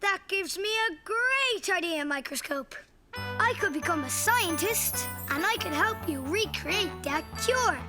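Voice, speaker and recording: A woman's voice: extremely high pitch, lively intonation, measured pace. Henry, a bubbly little boy. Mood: cheerful. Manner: eager, bubbly, exclaims often. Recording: music playing behind.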